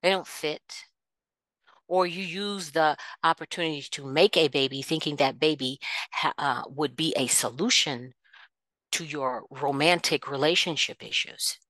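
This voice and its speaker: A woman's voice: deep voice, measured pace, fairly bright tone, no echo. A woman hosting a solo podcast, ranting with passion, repeating herself and firing rhetorical questions. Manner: impassioned, repetitive, rhetorical questions. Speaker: podcast host. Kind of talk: solo opinion rant.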